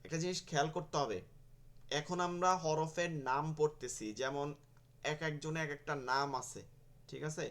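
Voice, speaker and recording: Patient male teacher, a bit high-voiced, repeats each letter sound for students. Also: normal speed, a bit bright. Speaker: Quran teacher. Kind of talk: online pronunciation lesson.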